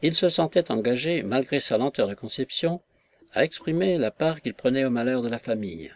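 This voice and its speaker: A male narrator reading a classic novel aloud. His delivery is measured and steady, at a middle pitch.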